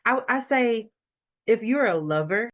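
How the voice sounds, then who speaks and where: A woman sales coach on a video call, talking with lively, encouraging conviction and frequent laughs. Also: fairly high pitch, measured pace, lo-fi sound. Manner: animated, laughing, preachy encouragement. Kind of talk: casual video call chat.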